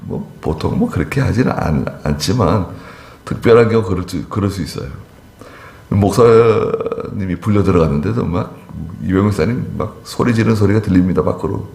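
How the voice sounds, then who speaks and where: A male pastor preaching a sermon in an emphatic, animated way, often turning to the congregation with asides. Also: low voice, moderate pace, gravelly. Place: church sanctuary. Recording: echoey church hall.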